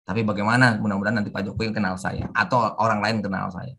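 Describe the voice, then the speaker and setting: A middle-aged man giving a webinar lecture with forceful, emphatic intonation, mixing in English terms. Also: lowish voice, steady tone, fast, gravelly, slightly rough. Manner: mixes English terms into talk. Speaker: civil service trainer. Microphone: online webinar audio.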